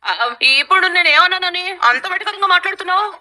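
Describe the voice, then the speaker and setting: A woman's voice: very high voice, lively intonation, a little fast, bright, forceful tone, exaggerated voice, poor audio. An actress playing a scheming, sarcastic middle-aged mother-in-law in a TV serial. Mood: prying. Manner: sarcastic, scornful. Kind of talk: TV serial acting.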